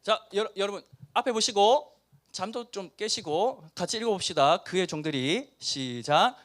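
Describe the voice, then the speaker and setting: A middle-aged man with a Busan dialect preaches to a high school youth group. His voice sits high and swings widely in pitch. He tells the story animatedly and acts out its characters. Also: animated, moderate pace, fairly bright tone. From Busan, South Korea. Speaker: pastor. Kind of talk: youth sermon.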